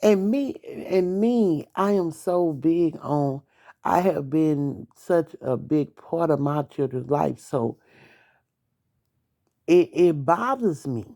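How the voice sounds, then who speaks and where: A woman's voice: sits low, slow pace, creaky, mellow. A young adult woman hosting a late-night podcast, venting bluntly about her ex, swearing and talking straight at him. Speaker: podcast host.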